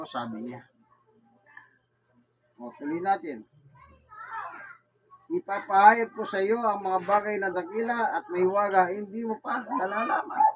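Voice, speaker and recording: This street preacher has a high, husky voice with a fairly bright tone. Speaking with a Filipino accent, he gives a Bible sermon to a Manila neighborhood crowd and keeps raising questions only to answer them himself.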